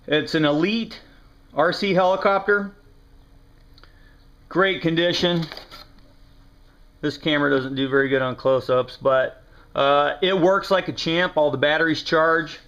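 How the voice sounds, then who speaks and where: A slightly high, fairly bright male voice belongs to an American reseller displaying his yard sale finds. He talks to the camera in a casual, slangy, folksy, laid-back way, recorded with dull lo-fi camera audio.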